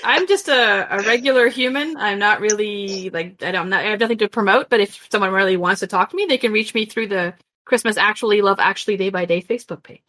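A woman's voice: mid-range voice, fairly quick, a bit bright, dry recording. A woman guest on a podcast, chatting modestly and hesitantly. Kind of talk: casual chat.

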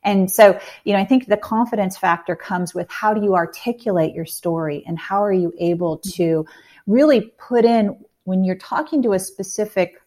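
A woman's voice: medium pitch, moderate pace, warm tone. A woman guest in a casual business interview, talking conversationally with fillers and emphatic stretches.

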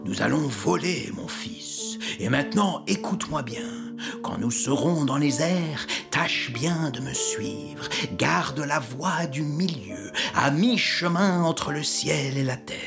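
A woman voicing a wise old father in a storybook reading, solemn and measured. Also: deep voice, expressive, vocal fry, over loud music, exaggerated voice.

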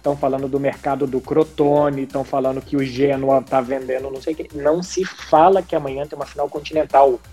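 A man's voice: mid-range voice, fairly even intonation, brisk, few pauses, mellow, faint music behind. A man from hosting a casual sports podcast. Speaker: podcast host.

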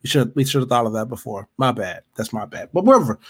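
Co-hosting a casual comic book podcast, a man riffs playfully in crude, slangy frat-bro banter, a comedic chat about comics. He talks fast in a sing-song way, his mid-range voice a bit bright and slightly rough.

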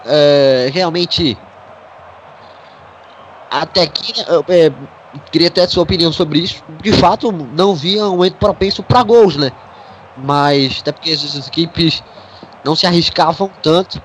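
A Brazilian man calls a football match live for web radio. His voice sits slightly high, and there is light noise in the background. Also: measured pace, long pauses, rough recording. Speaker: football play-by-play commentator.

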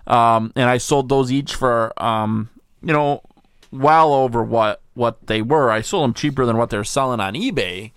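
A man co-hosting a casual podcast, talking in a relaxed, measured way and giving advice. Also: medium pitch, clear, resonant tone, no room sound, studio quality. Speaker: podcast co-host. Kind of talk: casual chat.

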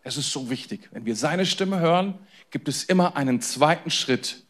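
Male pastor, high voice, casual sermon delivery that swings from loud stress to low, quiet intensity. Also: normal speed. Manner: lively, shifts between loud emphasis and quiet intensity; conversational, addresses listeners directly.

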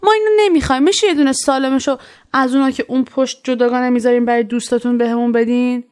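A woman's voice: sits high, fairly even intonation, darkish tone, natural voice. A woman voicing her bold young schoolgirl friend, urging and persuading. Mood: eager. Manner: urgent, persuasive.

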